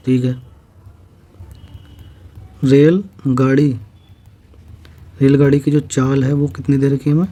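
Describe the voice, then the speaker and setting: Here a man with a warm, fairly high voice and a Hindi-speaking North Indian accent teaches exam-prep math. He solves the problems step by step, patiently making sure his students keep up.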